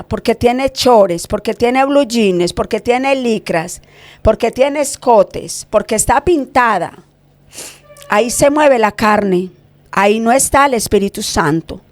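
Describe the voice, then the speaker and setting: A woman's voice: on the high side, no room sound. A woman giving an impassioned preaching testimony in a pleading tone.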